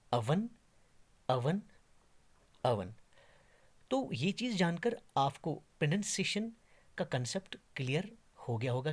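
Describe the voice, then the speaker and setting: A man giving a slow, deliberate English pronunciation lesson, drawing out each word as he demonstrates. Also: on the high side. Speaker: English teacher. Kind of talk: classroom lesson.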